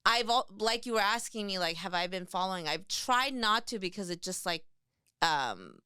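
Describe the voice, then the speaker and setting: A woman's voice: medium pitch, animated, normal speed, pushed and bright, clear, resonant tone, dry recording, clean studio sound. Frank, exasperated young woman podcaster. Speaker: podcast co-host. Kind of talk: casual conversation.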